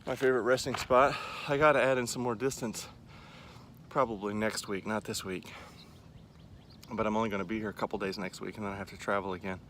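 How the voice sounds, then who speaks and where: A man's voice: fairly low pitch, fairly even intonation, fairly quick, a bit bright. A man in his forties chatting casually to camera as he paces around outdoors, rambling and self-deprecating. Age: 40s. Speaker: vlogger. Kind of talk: casual running vlog chat to camera. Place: outdoors in a park by a lake. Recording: clear outdoor ambient noise.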